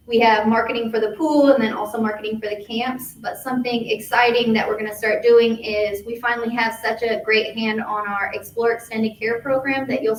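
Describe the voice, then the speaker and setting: A woman's voice: a little high, a little hiss or hum. A woman giving an upbeat youth services update at a township board meeting, with frequent fillers. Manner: upbeat, filler-heavy report. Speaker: youth services staff presenter. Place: meeting room. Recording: echoey room from far off.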